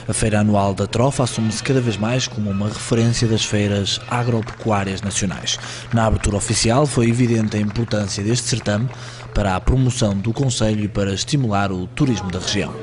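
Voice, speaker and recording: A man's voice: lowish voice, fairly even intonation, brisk, noisy background. A man reading a formal, scripted news voice-over. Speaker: news reporter narrating.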